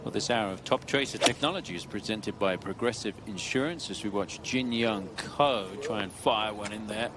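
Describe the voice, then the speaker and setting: A man working as a golf commentator, calling live tournament play with expressive reactions to shots. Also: on the low side, normal speed, few pauses. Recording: clear outdoor ambient noise behind. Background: outdoor tournament ambience.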